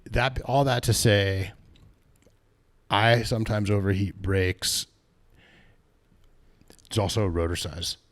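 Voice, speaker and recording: A man with a low, creaky voice co-hosts a casual podcast and also works at a bike shop. He chats in a rambling way, often correcting himself and laughing at his own stories.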